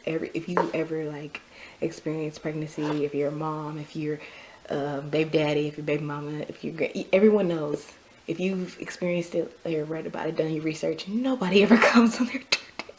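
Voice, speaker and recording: Chatty low-voiced pregnant woman, slightly breathless. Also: darkish tone. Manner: chatty, repeats herself, laughs often. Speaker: vlogger. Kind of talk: casual pregnancy update vlog.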